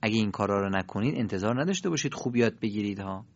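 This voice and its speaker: A man teaching a pronunciation lesson, explaining in a lively, emphatic way with sudden rises in his voice. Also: lowish voice, muffled recording. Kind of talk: Quran recitation lesson.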